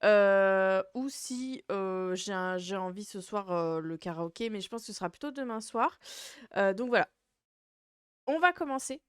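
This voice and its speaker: A woman chats casually as the host of a livestream, in a cute streamer manner. Her voice is smooth and clean at a middle pitch, recorded dry. She rambles playfully, with frequent hesitations. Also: expressive, unhurried, no echo.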